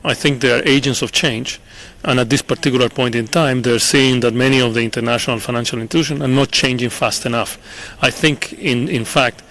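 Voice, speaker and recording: A middle-aged man from Chile, answering interview questions in an earnest, measured way with frequent pauses and repeated words. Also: medium pitch, steady tone, a bit bright. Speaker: interview guest, international official. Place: conference venue.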